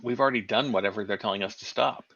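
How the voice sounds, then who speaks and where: A man with a low voice and a bright, forward tone makes dry jokes on a live stream. He reads out chat comments in a casual way. The sound is dry and slightly dull, like lo-fi stream audio. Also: racing, no room sound. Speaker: livestream co-host.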